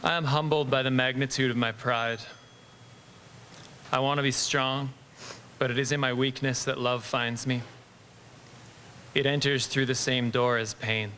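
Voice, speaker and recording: A man from Southern Alberta reading his own reflective poem at a live open mic, measured, then wry after. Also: medium pitch, steady tone, pushed and bright, slight background noise. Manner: measured, wry between poems. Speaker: poet. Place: small acoustic lounge with live audience.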